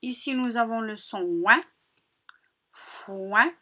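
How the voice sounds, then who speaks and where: Slow, breathy woman teaching phonics. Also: mid-range voice, animated, fairly bright tone. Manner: slow, carefully articulated, repeats sounds for children. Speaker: primary school teacher. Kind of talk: phonics lesson for young children.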